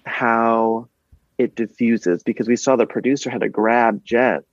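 A man's voice: medium pitch, fairly even intonation, a little slow, no echo, lo-fi sound. A man co-hosting a podcast, rambling casually with bewildered, jokey asides. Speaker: podcast co-host. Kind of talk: casual recap chat.

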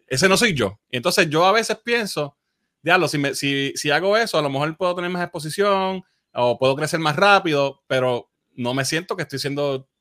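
A Puerto Rican man chatting as a podcast guest, thoughtful and modest, often pausing and restarting his sentences. His voice is bright and sits a little high for a man. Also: animated. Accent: Puerto Rican Spanish. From Puerto Rico. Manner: reflective, modest, halting with restarts. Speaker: content creator guest. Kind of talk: casual podcast conversation.

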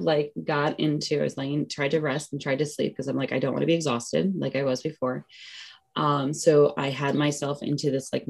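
As an interview guest, a woman casually recounts a personal story, packed with "like" and "you know," acting out in quotes what she said back then. Her voice is bass, with vocal fry and a slightly mellow quality.

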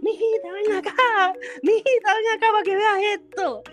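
A man's voice: extremely high pitch, steady tone, normal speed, faint music behind, voice pushed up. A man voicing a shocked old grandmother with a Puerto Rican accent, shrieking and drawing out his exclamations. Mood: scandalized.

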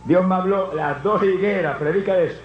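A man with a high voice preaches a fervent revival sermon, often breaking into exclamations of praise. He is recorded in an echoey church hall. The sound is dull and lo-fi. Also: fairly quick.

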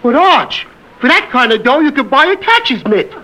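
An actor playing a dim, childlike New tavern sidekick in an old radio comedy, a man with a guileless, slow-witted manner. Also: very high voice, very animated. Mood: puzzled. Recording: vintage radio recording, faint noise.

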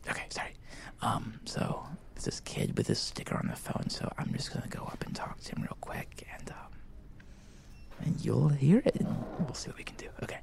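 Hushed and excited, a man plays a gawky, eager teen hosting a school podcast in a scripted comedy, whispering into a handheld microphone in a library. His medium-pitched, creaky full character voice swoops wildly in pitch at normal speed, and he pauses often while rambling with lots of fillers.

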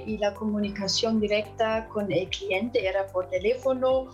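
A woman's voice: mid-range voice, fairly even intonation, normal speed, darkish tone. A woman from Germany with a German accent in Spanish, answering interview questions as an expert guest and searching for words. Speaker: interview guest, customer service technology expert.

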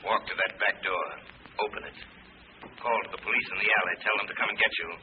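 A man's voice: on the low side, steady tone, quick pace, natural voice. A man acting a grim, commanding avenger of crime in a theatrical, solemn old radio drama style. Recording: noisy, tinny old radio broadcast recording.

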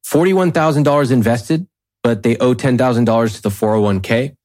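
A man's voice: medium pitch, a little fast, darkish tone, no echo. Emphatic male podcast host, dry studio sound. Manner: emphatic, informal, direct. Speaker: podcast host and financial coach. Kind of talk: conversational coaching and host-read ads.

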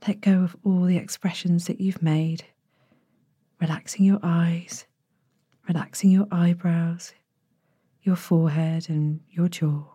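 A woman speaks as a sleep story narrator, leading a bedtime relaxation. Her voice is lowish and very mellow, with a soft, breathy edge that slips toward a whisper. She gives each instruction gently and without hurry. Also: flat delivery, no echo, clean studio sound. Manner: gentle, soothing, unhurried instructions. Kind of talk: guided bedtime body-scan meditation, sleep story narrator delivery.

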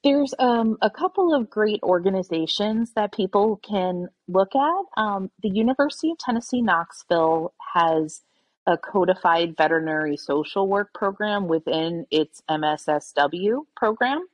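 A woman's voice: mid-range voice, expressive, normal speed, dry recording, dull audio. A woman working as a veterinary social worker, answering interview questions earnestly and searching for words now and then.

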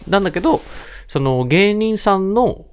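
A man co-hosting a podcast in relaxed casual chat, telling stories with sudden jumps of excitement. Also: moderate pace, clean tone. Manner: relaxed, chatty, animated storytelling with sudden rises in pitch. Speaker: podcast co-host.

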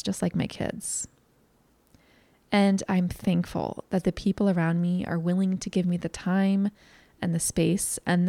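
Mom with a raspy low-key voice, earnest chatty parenting tips, dry sound. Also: female voice, dark tone, no echo. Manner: earnest, conversational, candid. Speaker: parenting educator. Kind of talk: talk to parents.

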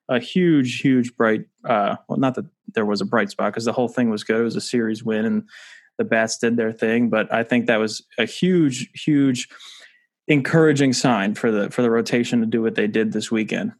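A man co-hosting a sports podcast, talking in a relaxed, chatty way with frequent restarts. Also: medium pitch. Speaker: podcast co-host. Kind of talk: casual sports podcast chat.

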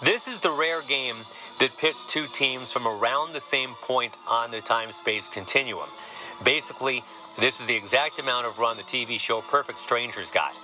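A man's voice: mid-range voice, normal speed, poor audio. A man hosting a sports podcast, with a wry, joking delivery. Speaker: podcast host. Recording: music playing behind the voice.

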